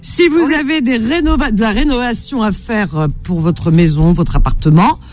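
A woman's voice: on the high side, normal speed, a little mellow, soft background music. A woman hosting a radio phone-in for small ads, chatting casually in a playful, teasing, informal way. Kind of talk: casual live radio chat.

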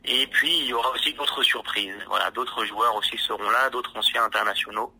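Man, radio interview, informal, bright tone, tinny phone line. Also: medium pitch, steady tone, a little fast, gravelly, breathy edge. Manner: informal, with hesitations.

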